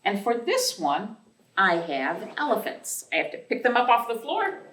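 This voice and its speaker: A library storytime host, a woman with a fairly high, bright voice, leads children through a read-aloud full of counting rhymes. Her pitch swings wildly in a sing-song delivery at normal speed as she asks the young listeners questions. She sits away from the mic in an echoey indoor room, with faint hiss or hum in the recording.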